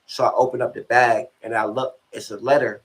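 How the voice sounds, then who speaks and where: A man's voice: mid-range voice, flat delivery, a little fast, low-quality recording. A young man casually tells a story, slangy and profane, often checking that the listener follows. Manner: slangy, profane, keeps asking if you follow. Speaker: rapper and channel host.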